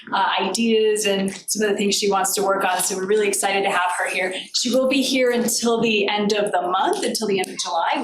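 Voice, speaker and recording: Relaxed woman introducing, far and echoey. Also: on the high side. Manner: chatty, relaxed, with fillers and light laughs. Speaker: seminar host introducing the speaker. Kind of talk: casual spoken introduction. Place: seminar room. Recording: echoey room, picked up from far off, noisy.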